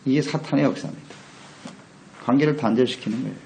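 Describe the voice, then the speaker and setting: A man's voice: mid-range voice, fast talker, creaky, darkish tone, slight background noise, low-quality recording. A male pastor preaching a meditation sermon, earnest, putting rhetorical questions to his listeners. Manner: earnest, asks the congregation rhetorical questions, acts out quotes.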